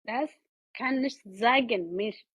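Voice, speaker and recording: High-voiced woman speaking broken German. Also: breathy edge. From Ethiopia. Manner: halting, broken German, repeating words. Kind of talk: casual video-call chat. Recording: dull lo-fi video-call audio.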